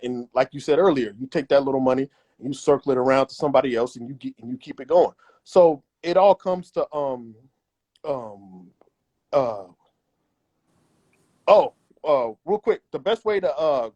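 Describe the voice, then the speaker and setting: A man's voice: medium pitch, normal speed, a little mellow, slightly rough. A man as an interview guest giving emphatic, repetitive advice in a casual chat. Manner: emphatic and repetitive, acts out imagined voices.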